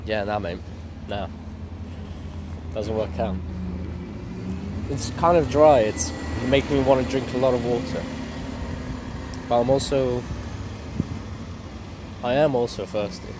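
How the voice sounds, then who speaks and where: A man's voice: medium pitch, takes it slowly, pauses often. A man chatting casually while eating, his mouth full of pasty, sweary and rambling. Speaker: vlogger. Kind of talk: casual vlog chat. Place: outdoors in a town street. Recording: outdoor street noise. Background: traffic and street noise.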